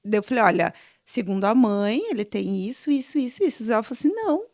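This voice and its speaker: A woman's voice: medium pitch, quick pace, darkish tone, dry recording. Chatty woman podcast host, dry sound. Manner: chatty, storytelling. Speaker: podcast host, clinic professional. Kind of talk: podcast interview.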